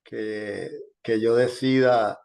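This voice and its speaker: Slow-talking doctor, man. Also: medium pitch, steady tone, gravelly, darkish tone. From Puerto Rico. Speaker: gynecologist guest. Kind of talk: casual educational talk.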